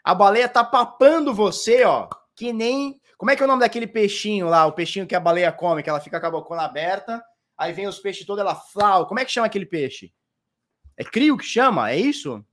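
Expressive, a little fast, and fairly bright, the high-pitched voice comes from a man in Santos, Brazil, commenting casually on crypto. He mocks and teases the viewer, directing attention with constant "ó."

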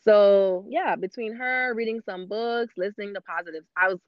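Woman, 30s, podcast guest; candid, open talker, mid pitch, dull lo-fi recording. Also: normal speed, dry recording. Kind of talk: casual interview chat.

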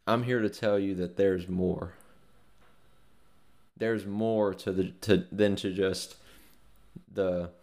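A man's voice: low voice, a little mellow. A man hosting an informal devotional talk, rambling with many fillers and restarts.

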